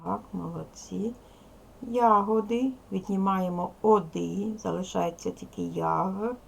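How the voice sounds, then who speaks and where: This woman, a primary school teacher, over-articulates sounds in a video lesson for children, directing her pupils with questions and instructions. Her fairly low voice is expressive, measured and slightly mellow, with vocal fry, over poor audio with slight background noise.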